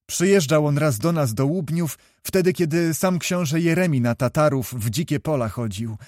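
A man voicing a lively, chatty young noblewoman in a read storybook, talking quickly like a chirping bird. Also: a little high, no echo, studio quality.

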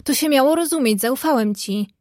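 A woman puts on a cheerful, teasing young man from a storybook. He is playful and light with his friend. The sound is dry and close, with a fairly high voice. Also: lively intonation, brisk, darkish tone, no room sound.

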